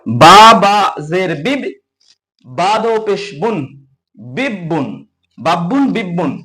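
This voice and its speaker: High-voiced man drilling Arabic syllables. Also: sing-song, pushed and bright. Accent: Bengali. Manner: slow, patient drilling with repeated syllables. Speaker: Quran reading teacher. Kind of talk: spelling out Arabic letters for learners.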